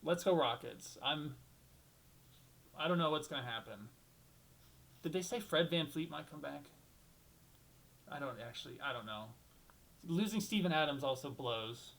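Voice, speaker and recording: A man's voice: on the high side, animated, moderate pace, vocal fry, long pauses, a bit bright, poor audio. A young man hosting a solo basketball talk show, rambling and thinking aloud, restarting sentences and swearing casually.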